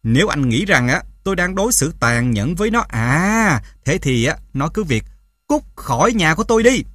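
A man voicing a cruel, drunken mother in an audiobook, shouting in a shrill, sneering way. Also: slow, dry recording, studio quality, lightly acted. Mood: furious. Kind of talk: audiobook character voice.

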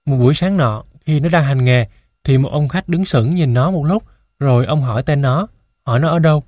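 Brief: male audiobook narrator, mid pitch, measured first-person reading, dry close-mic sound. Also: a little mellow, no echo.

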